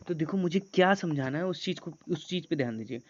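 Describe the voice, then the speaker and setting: A male teacher leading an online grammar class, coaxing students and reading English sentences slowly. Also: fairly high pitch, slight background noise. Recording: dull lo-fi sound.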